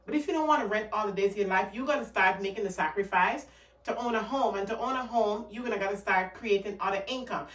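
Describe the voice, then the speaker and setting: A woman from Guyana with a Guyanese accent hosts a channel, giving earnest, emphatic money advice straight to camera in a casual way, often repeating her points. Her medium-pitched voice moves fast and sounds distant, caught off the mic in an echoey room.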